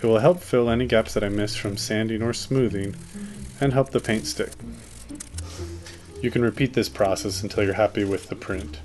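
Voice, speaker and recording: A man with a fairly low voice narrates a hands-on how-to video. He explains each step in a plain, matter-of-fact way, like a casual scripted tutorial. Music plays clearly behind him. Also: fairly even intonation, normal speed, darkish tone.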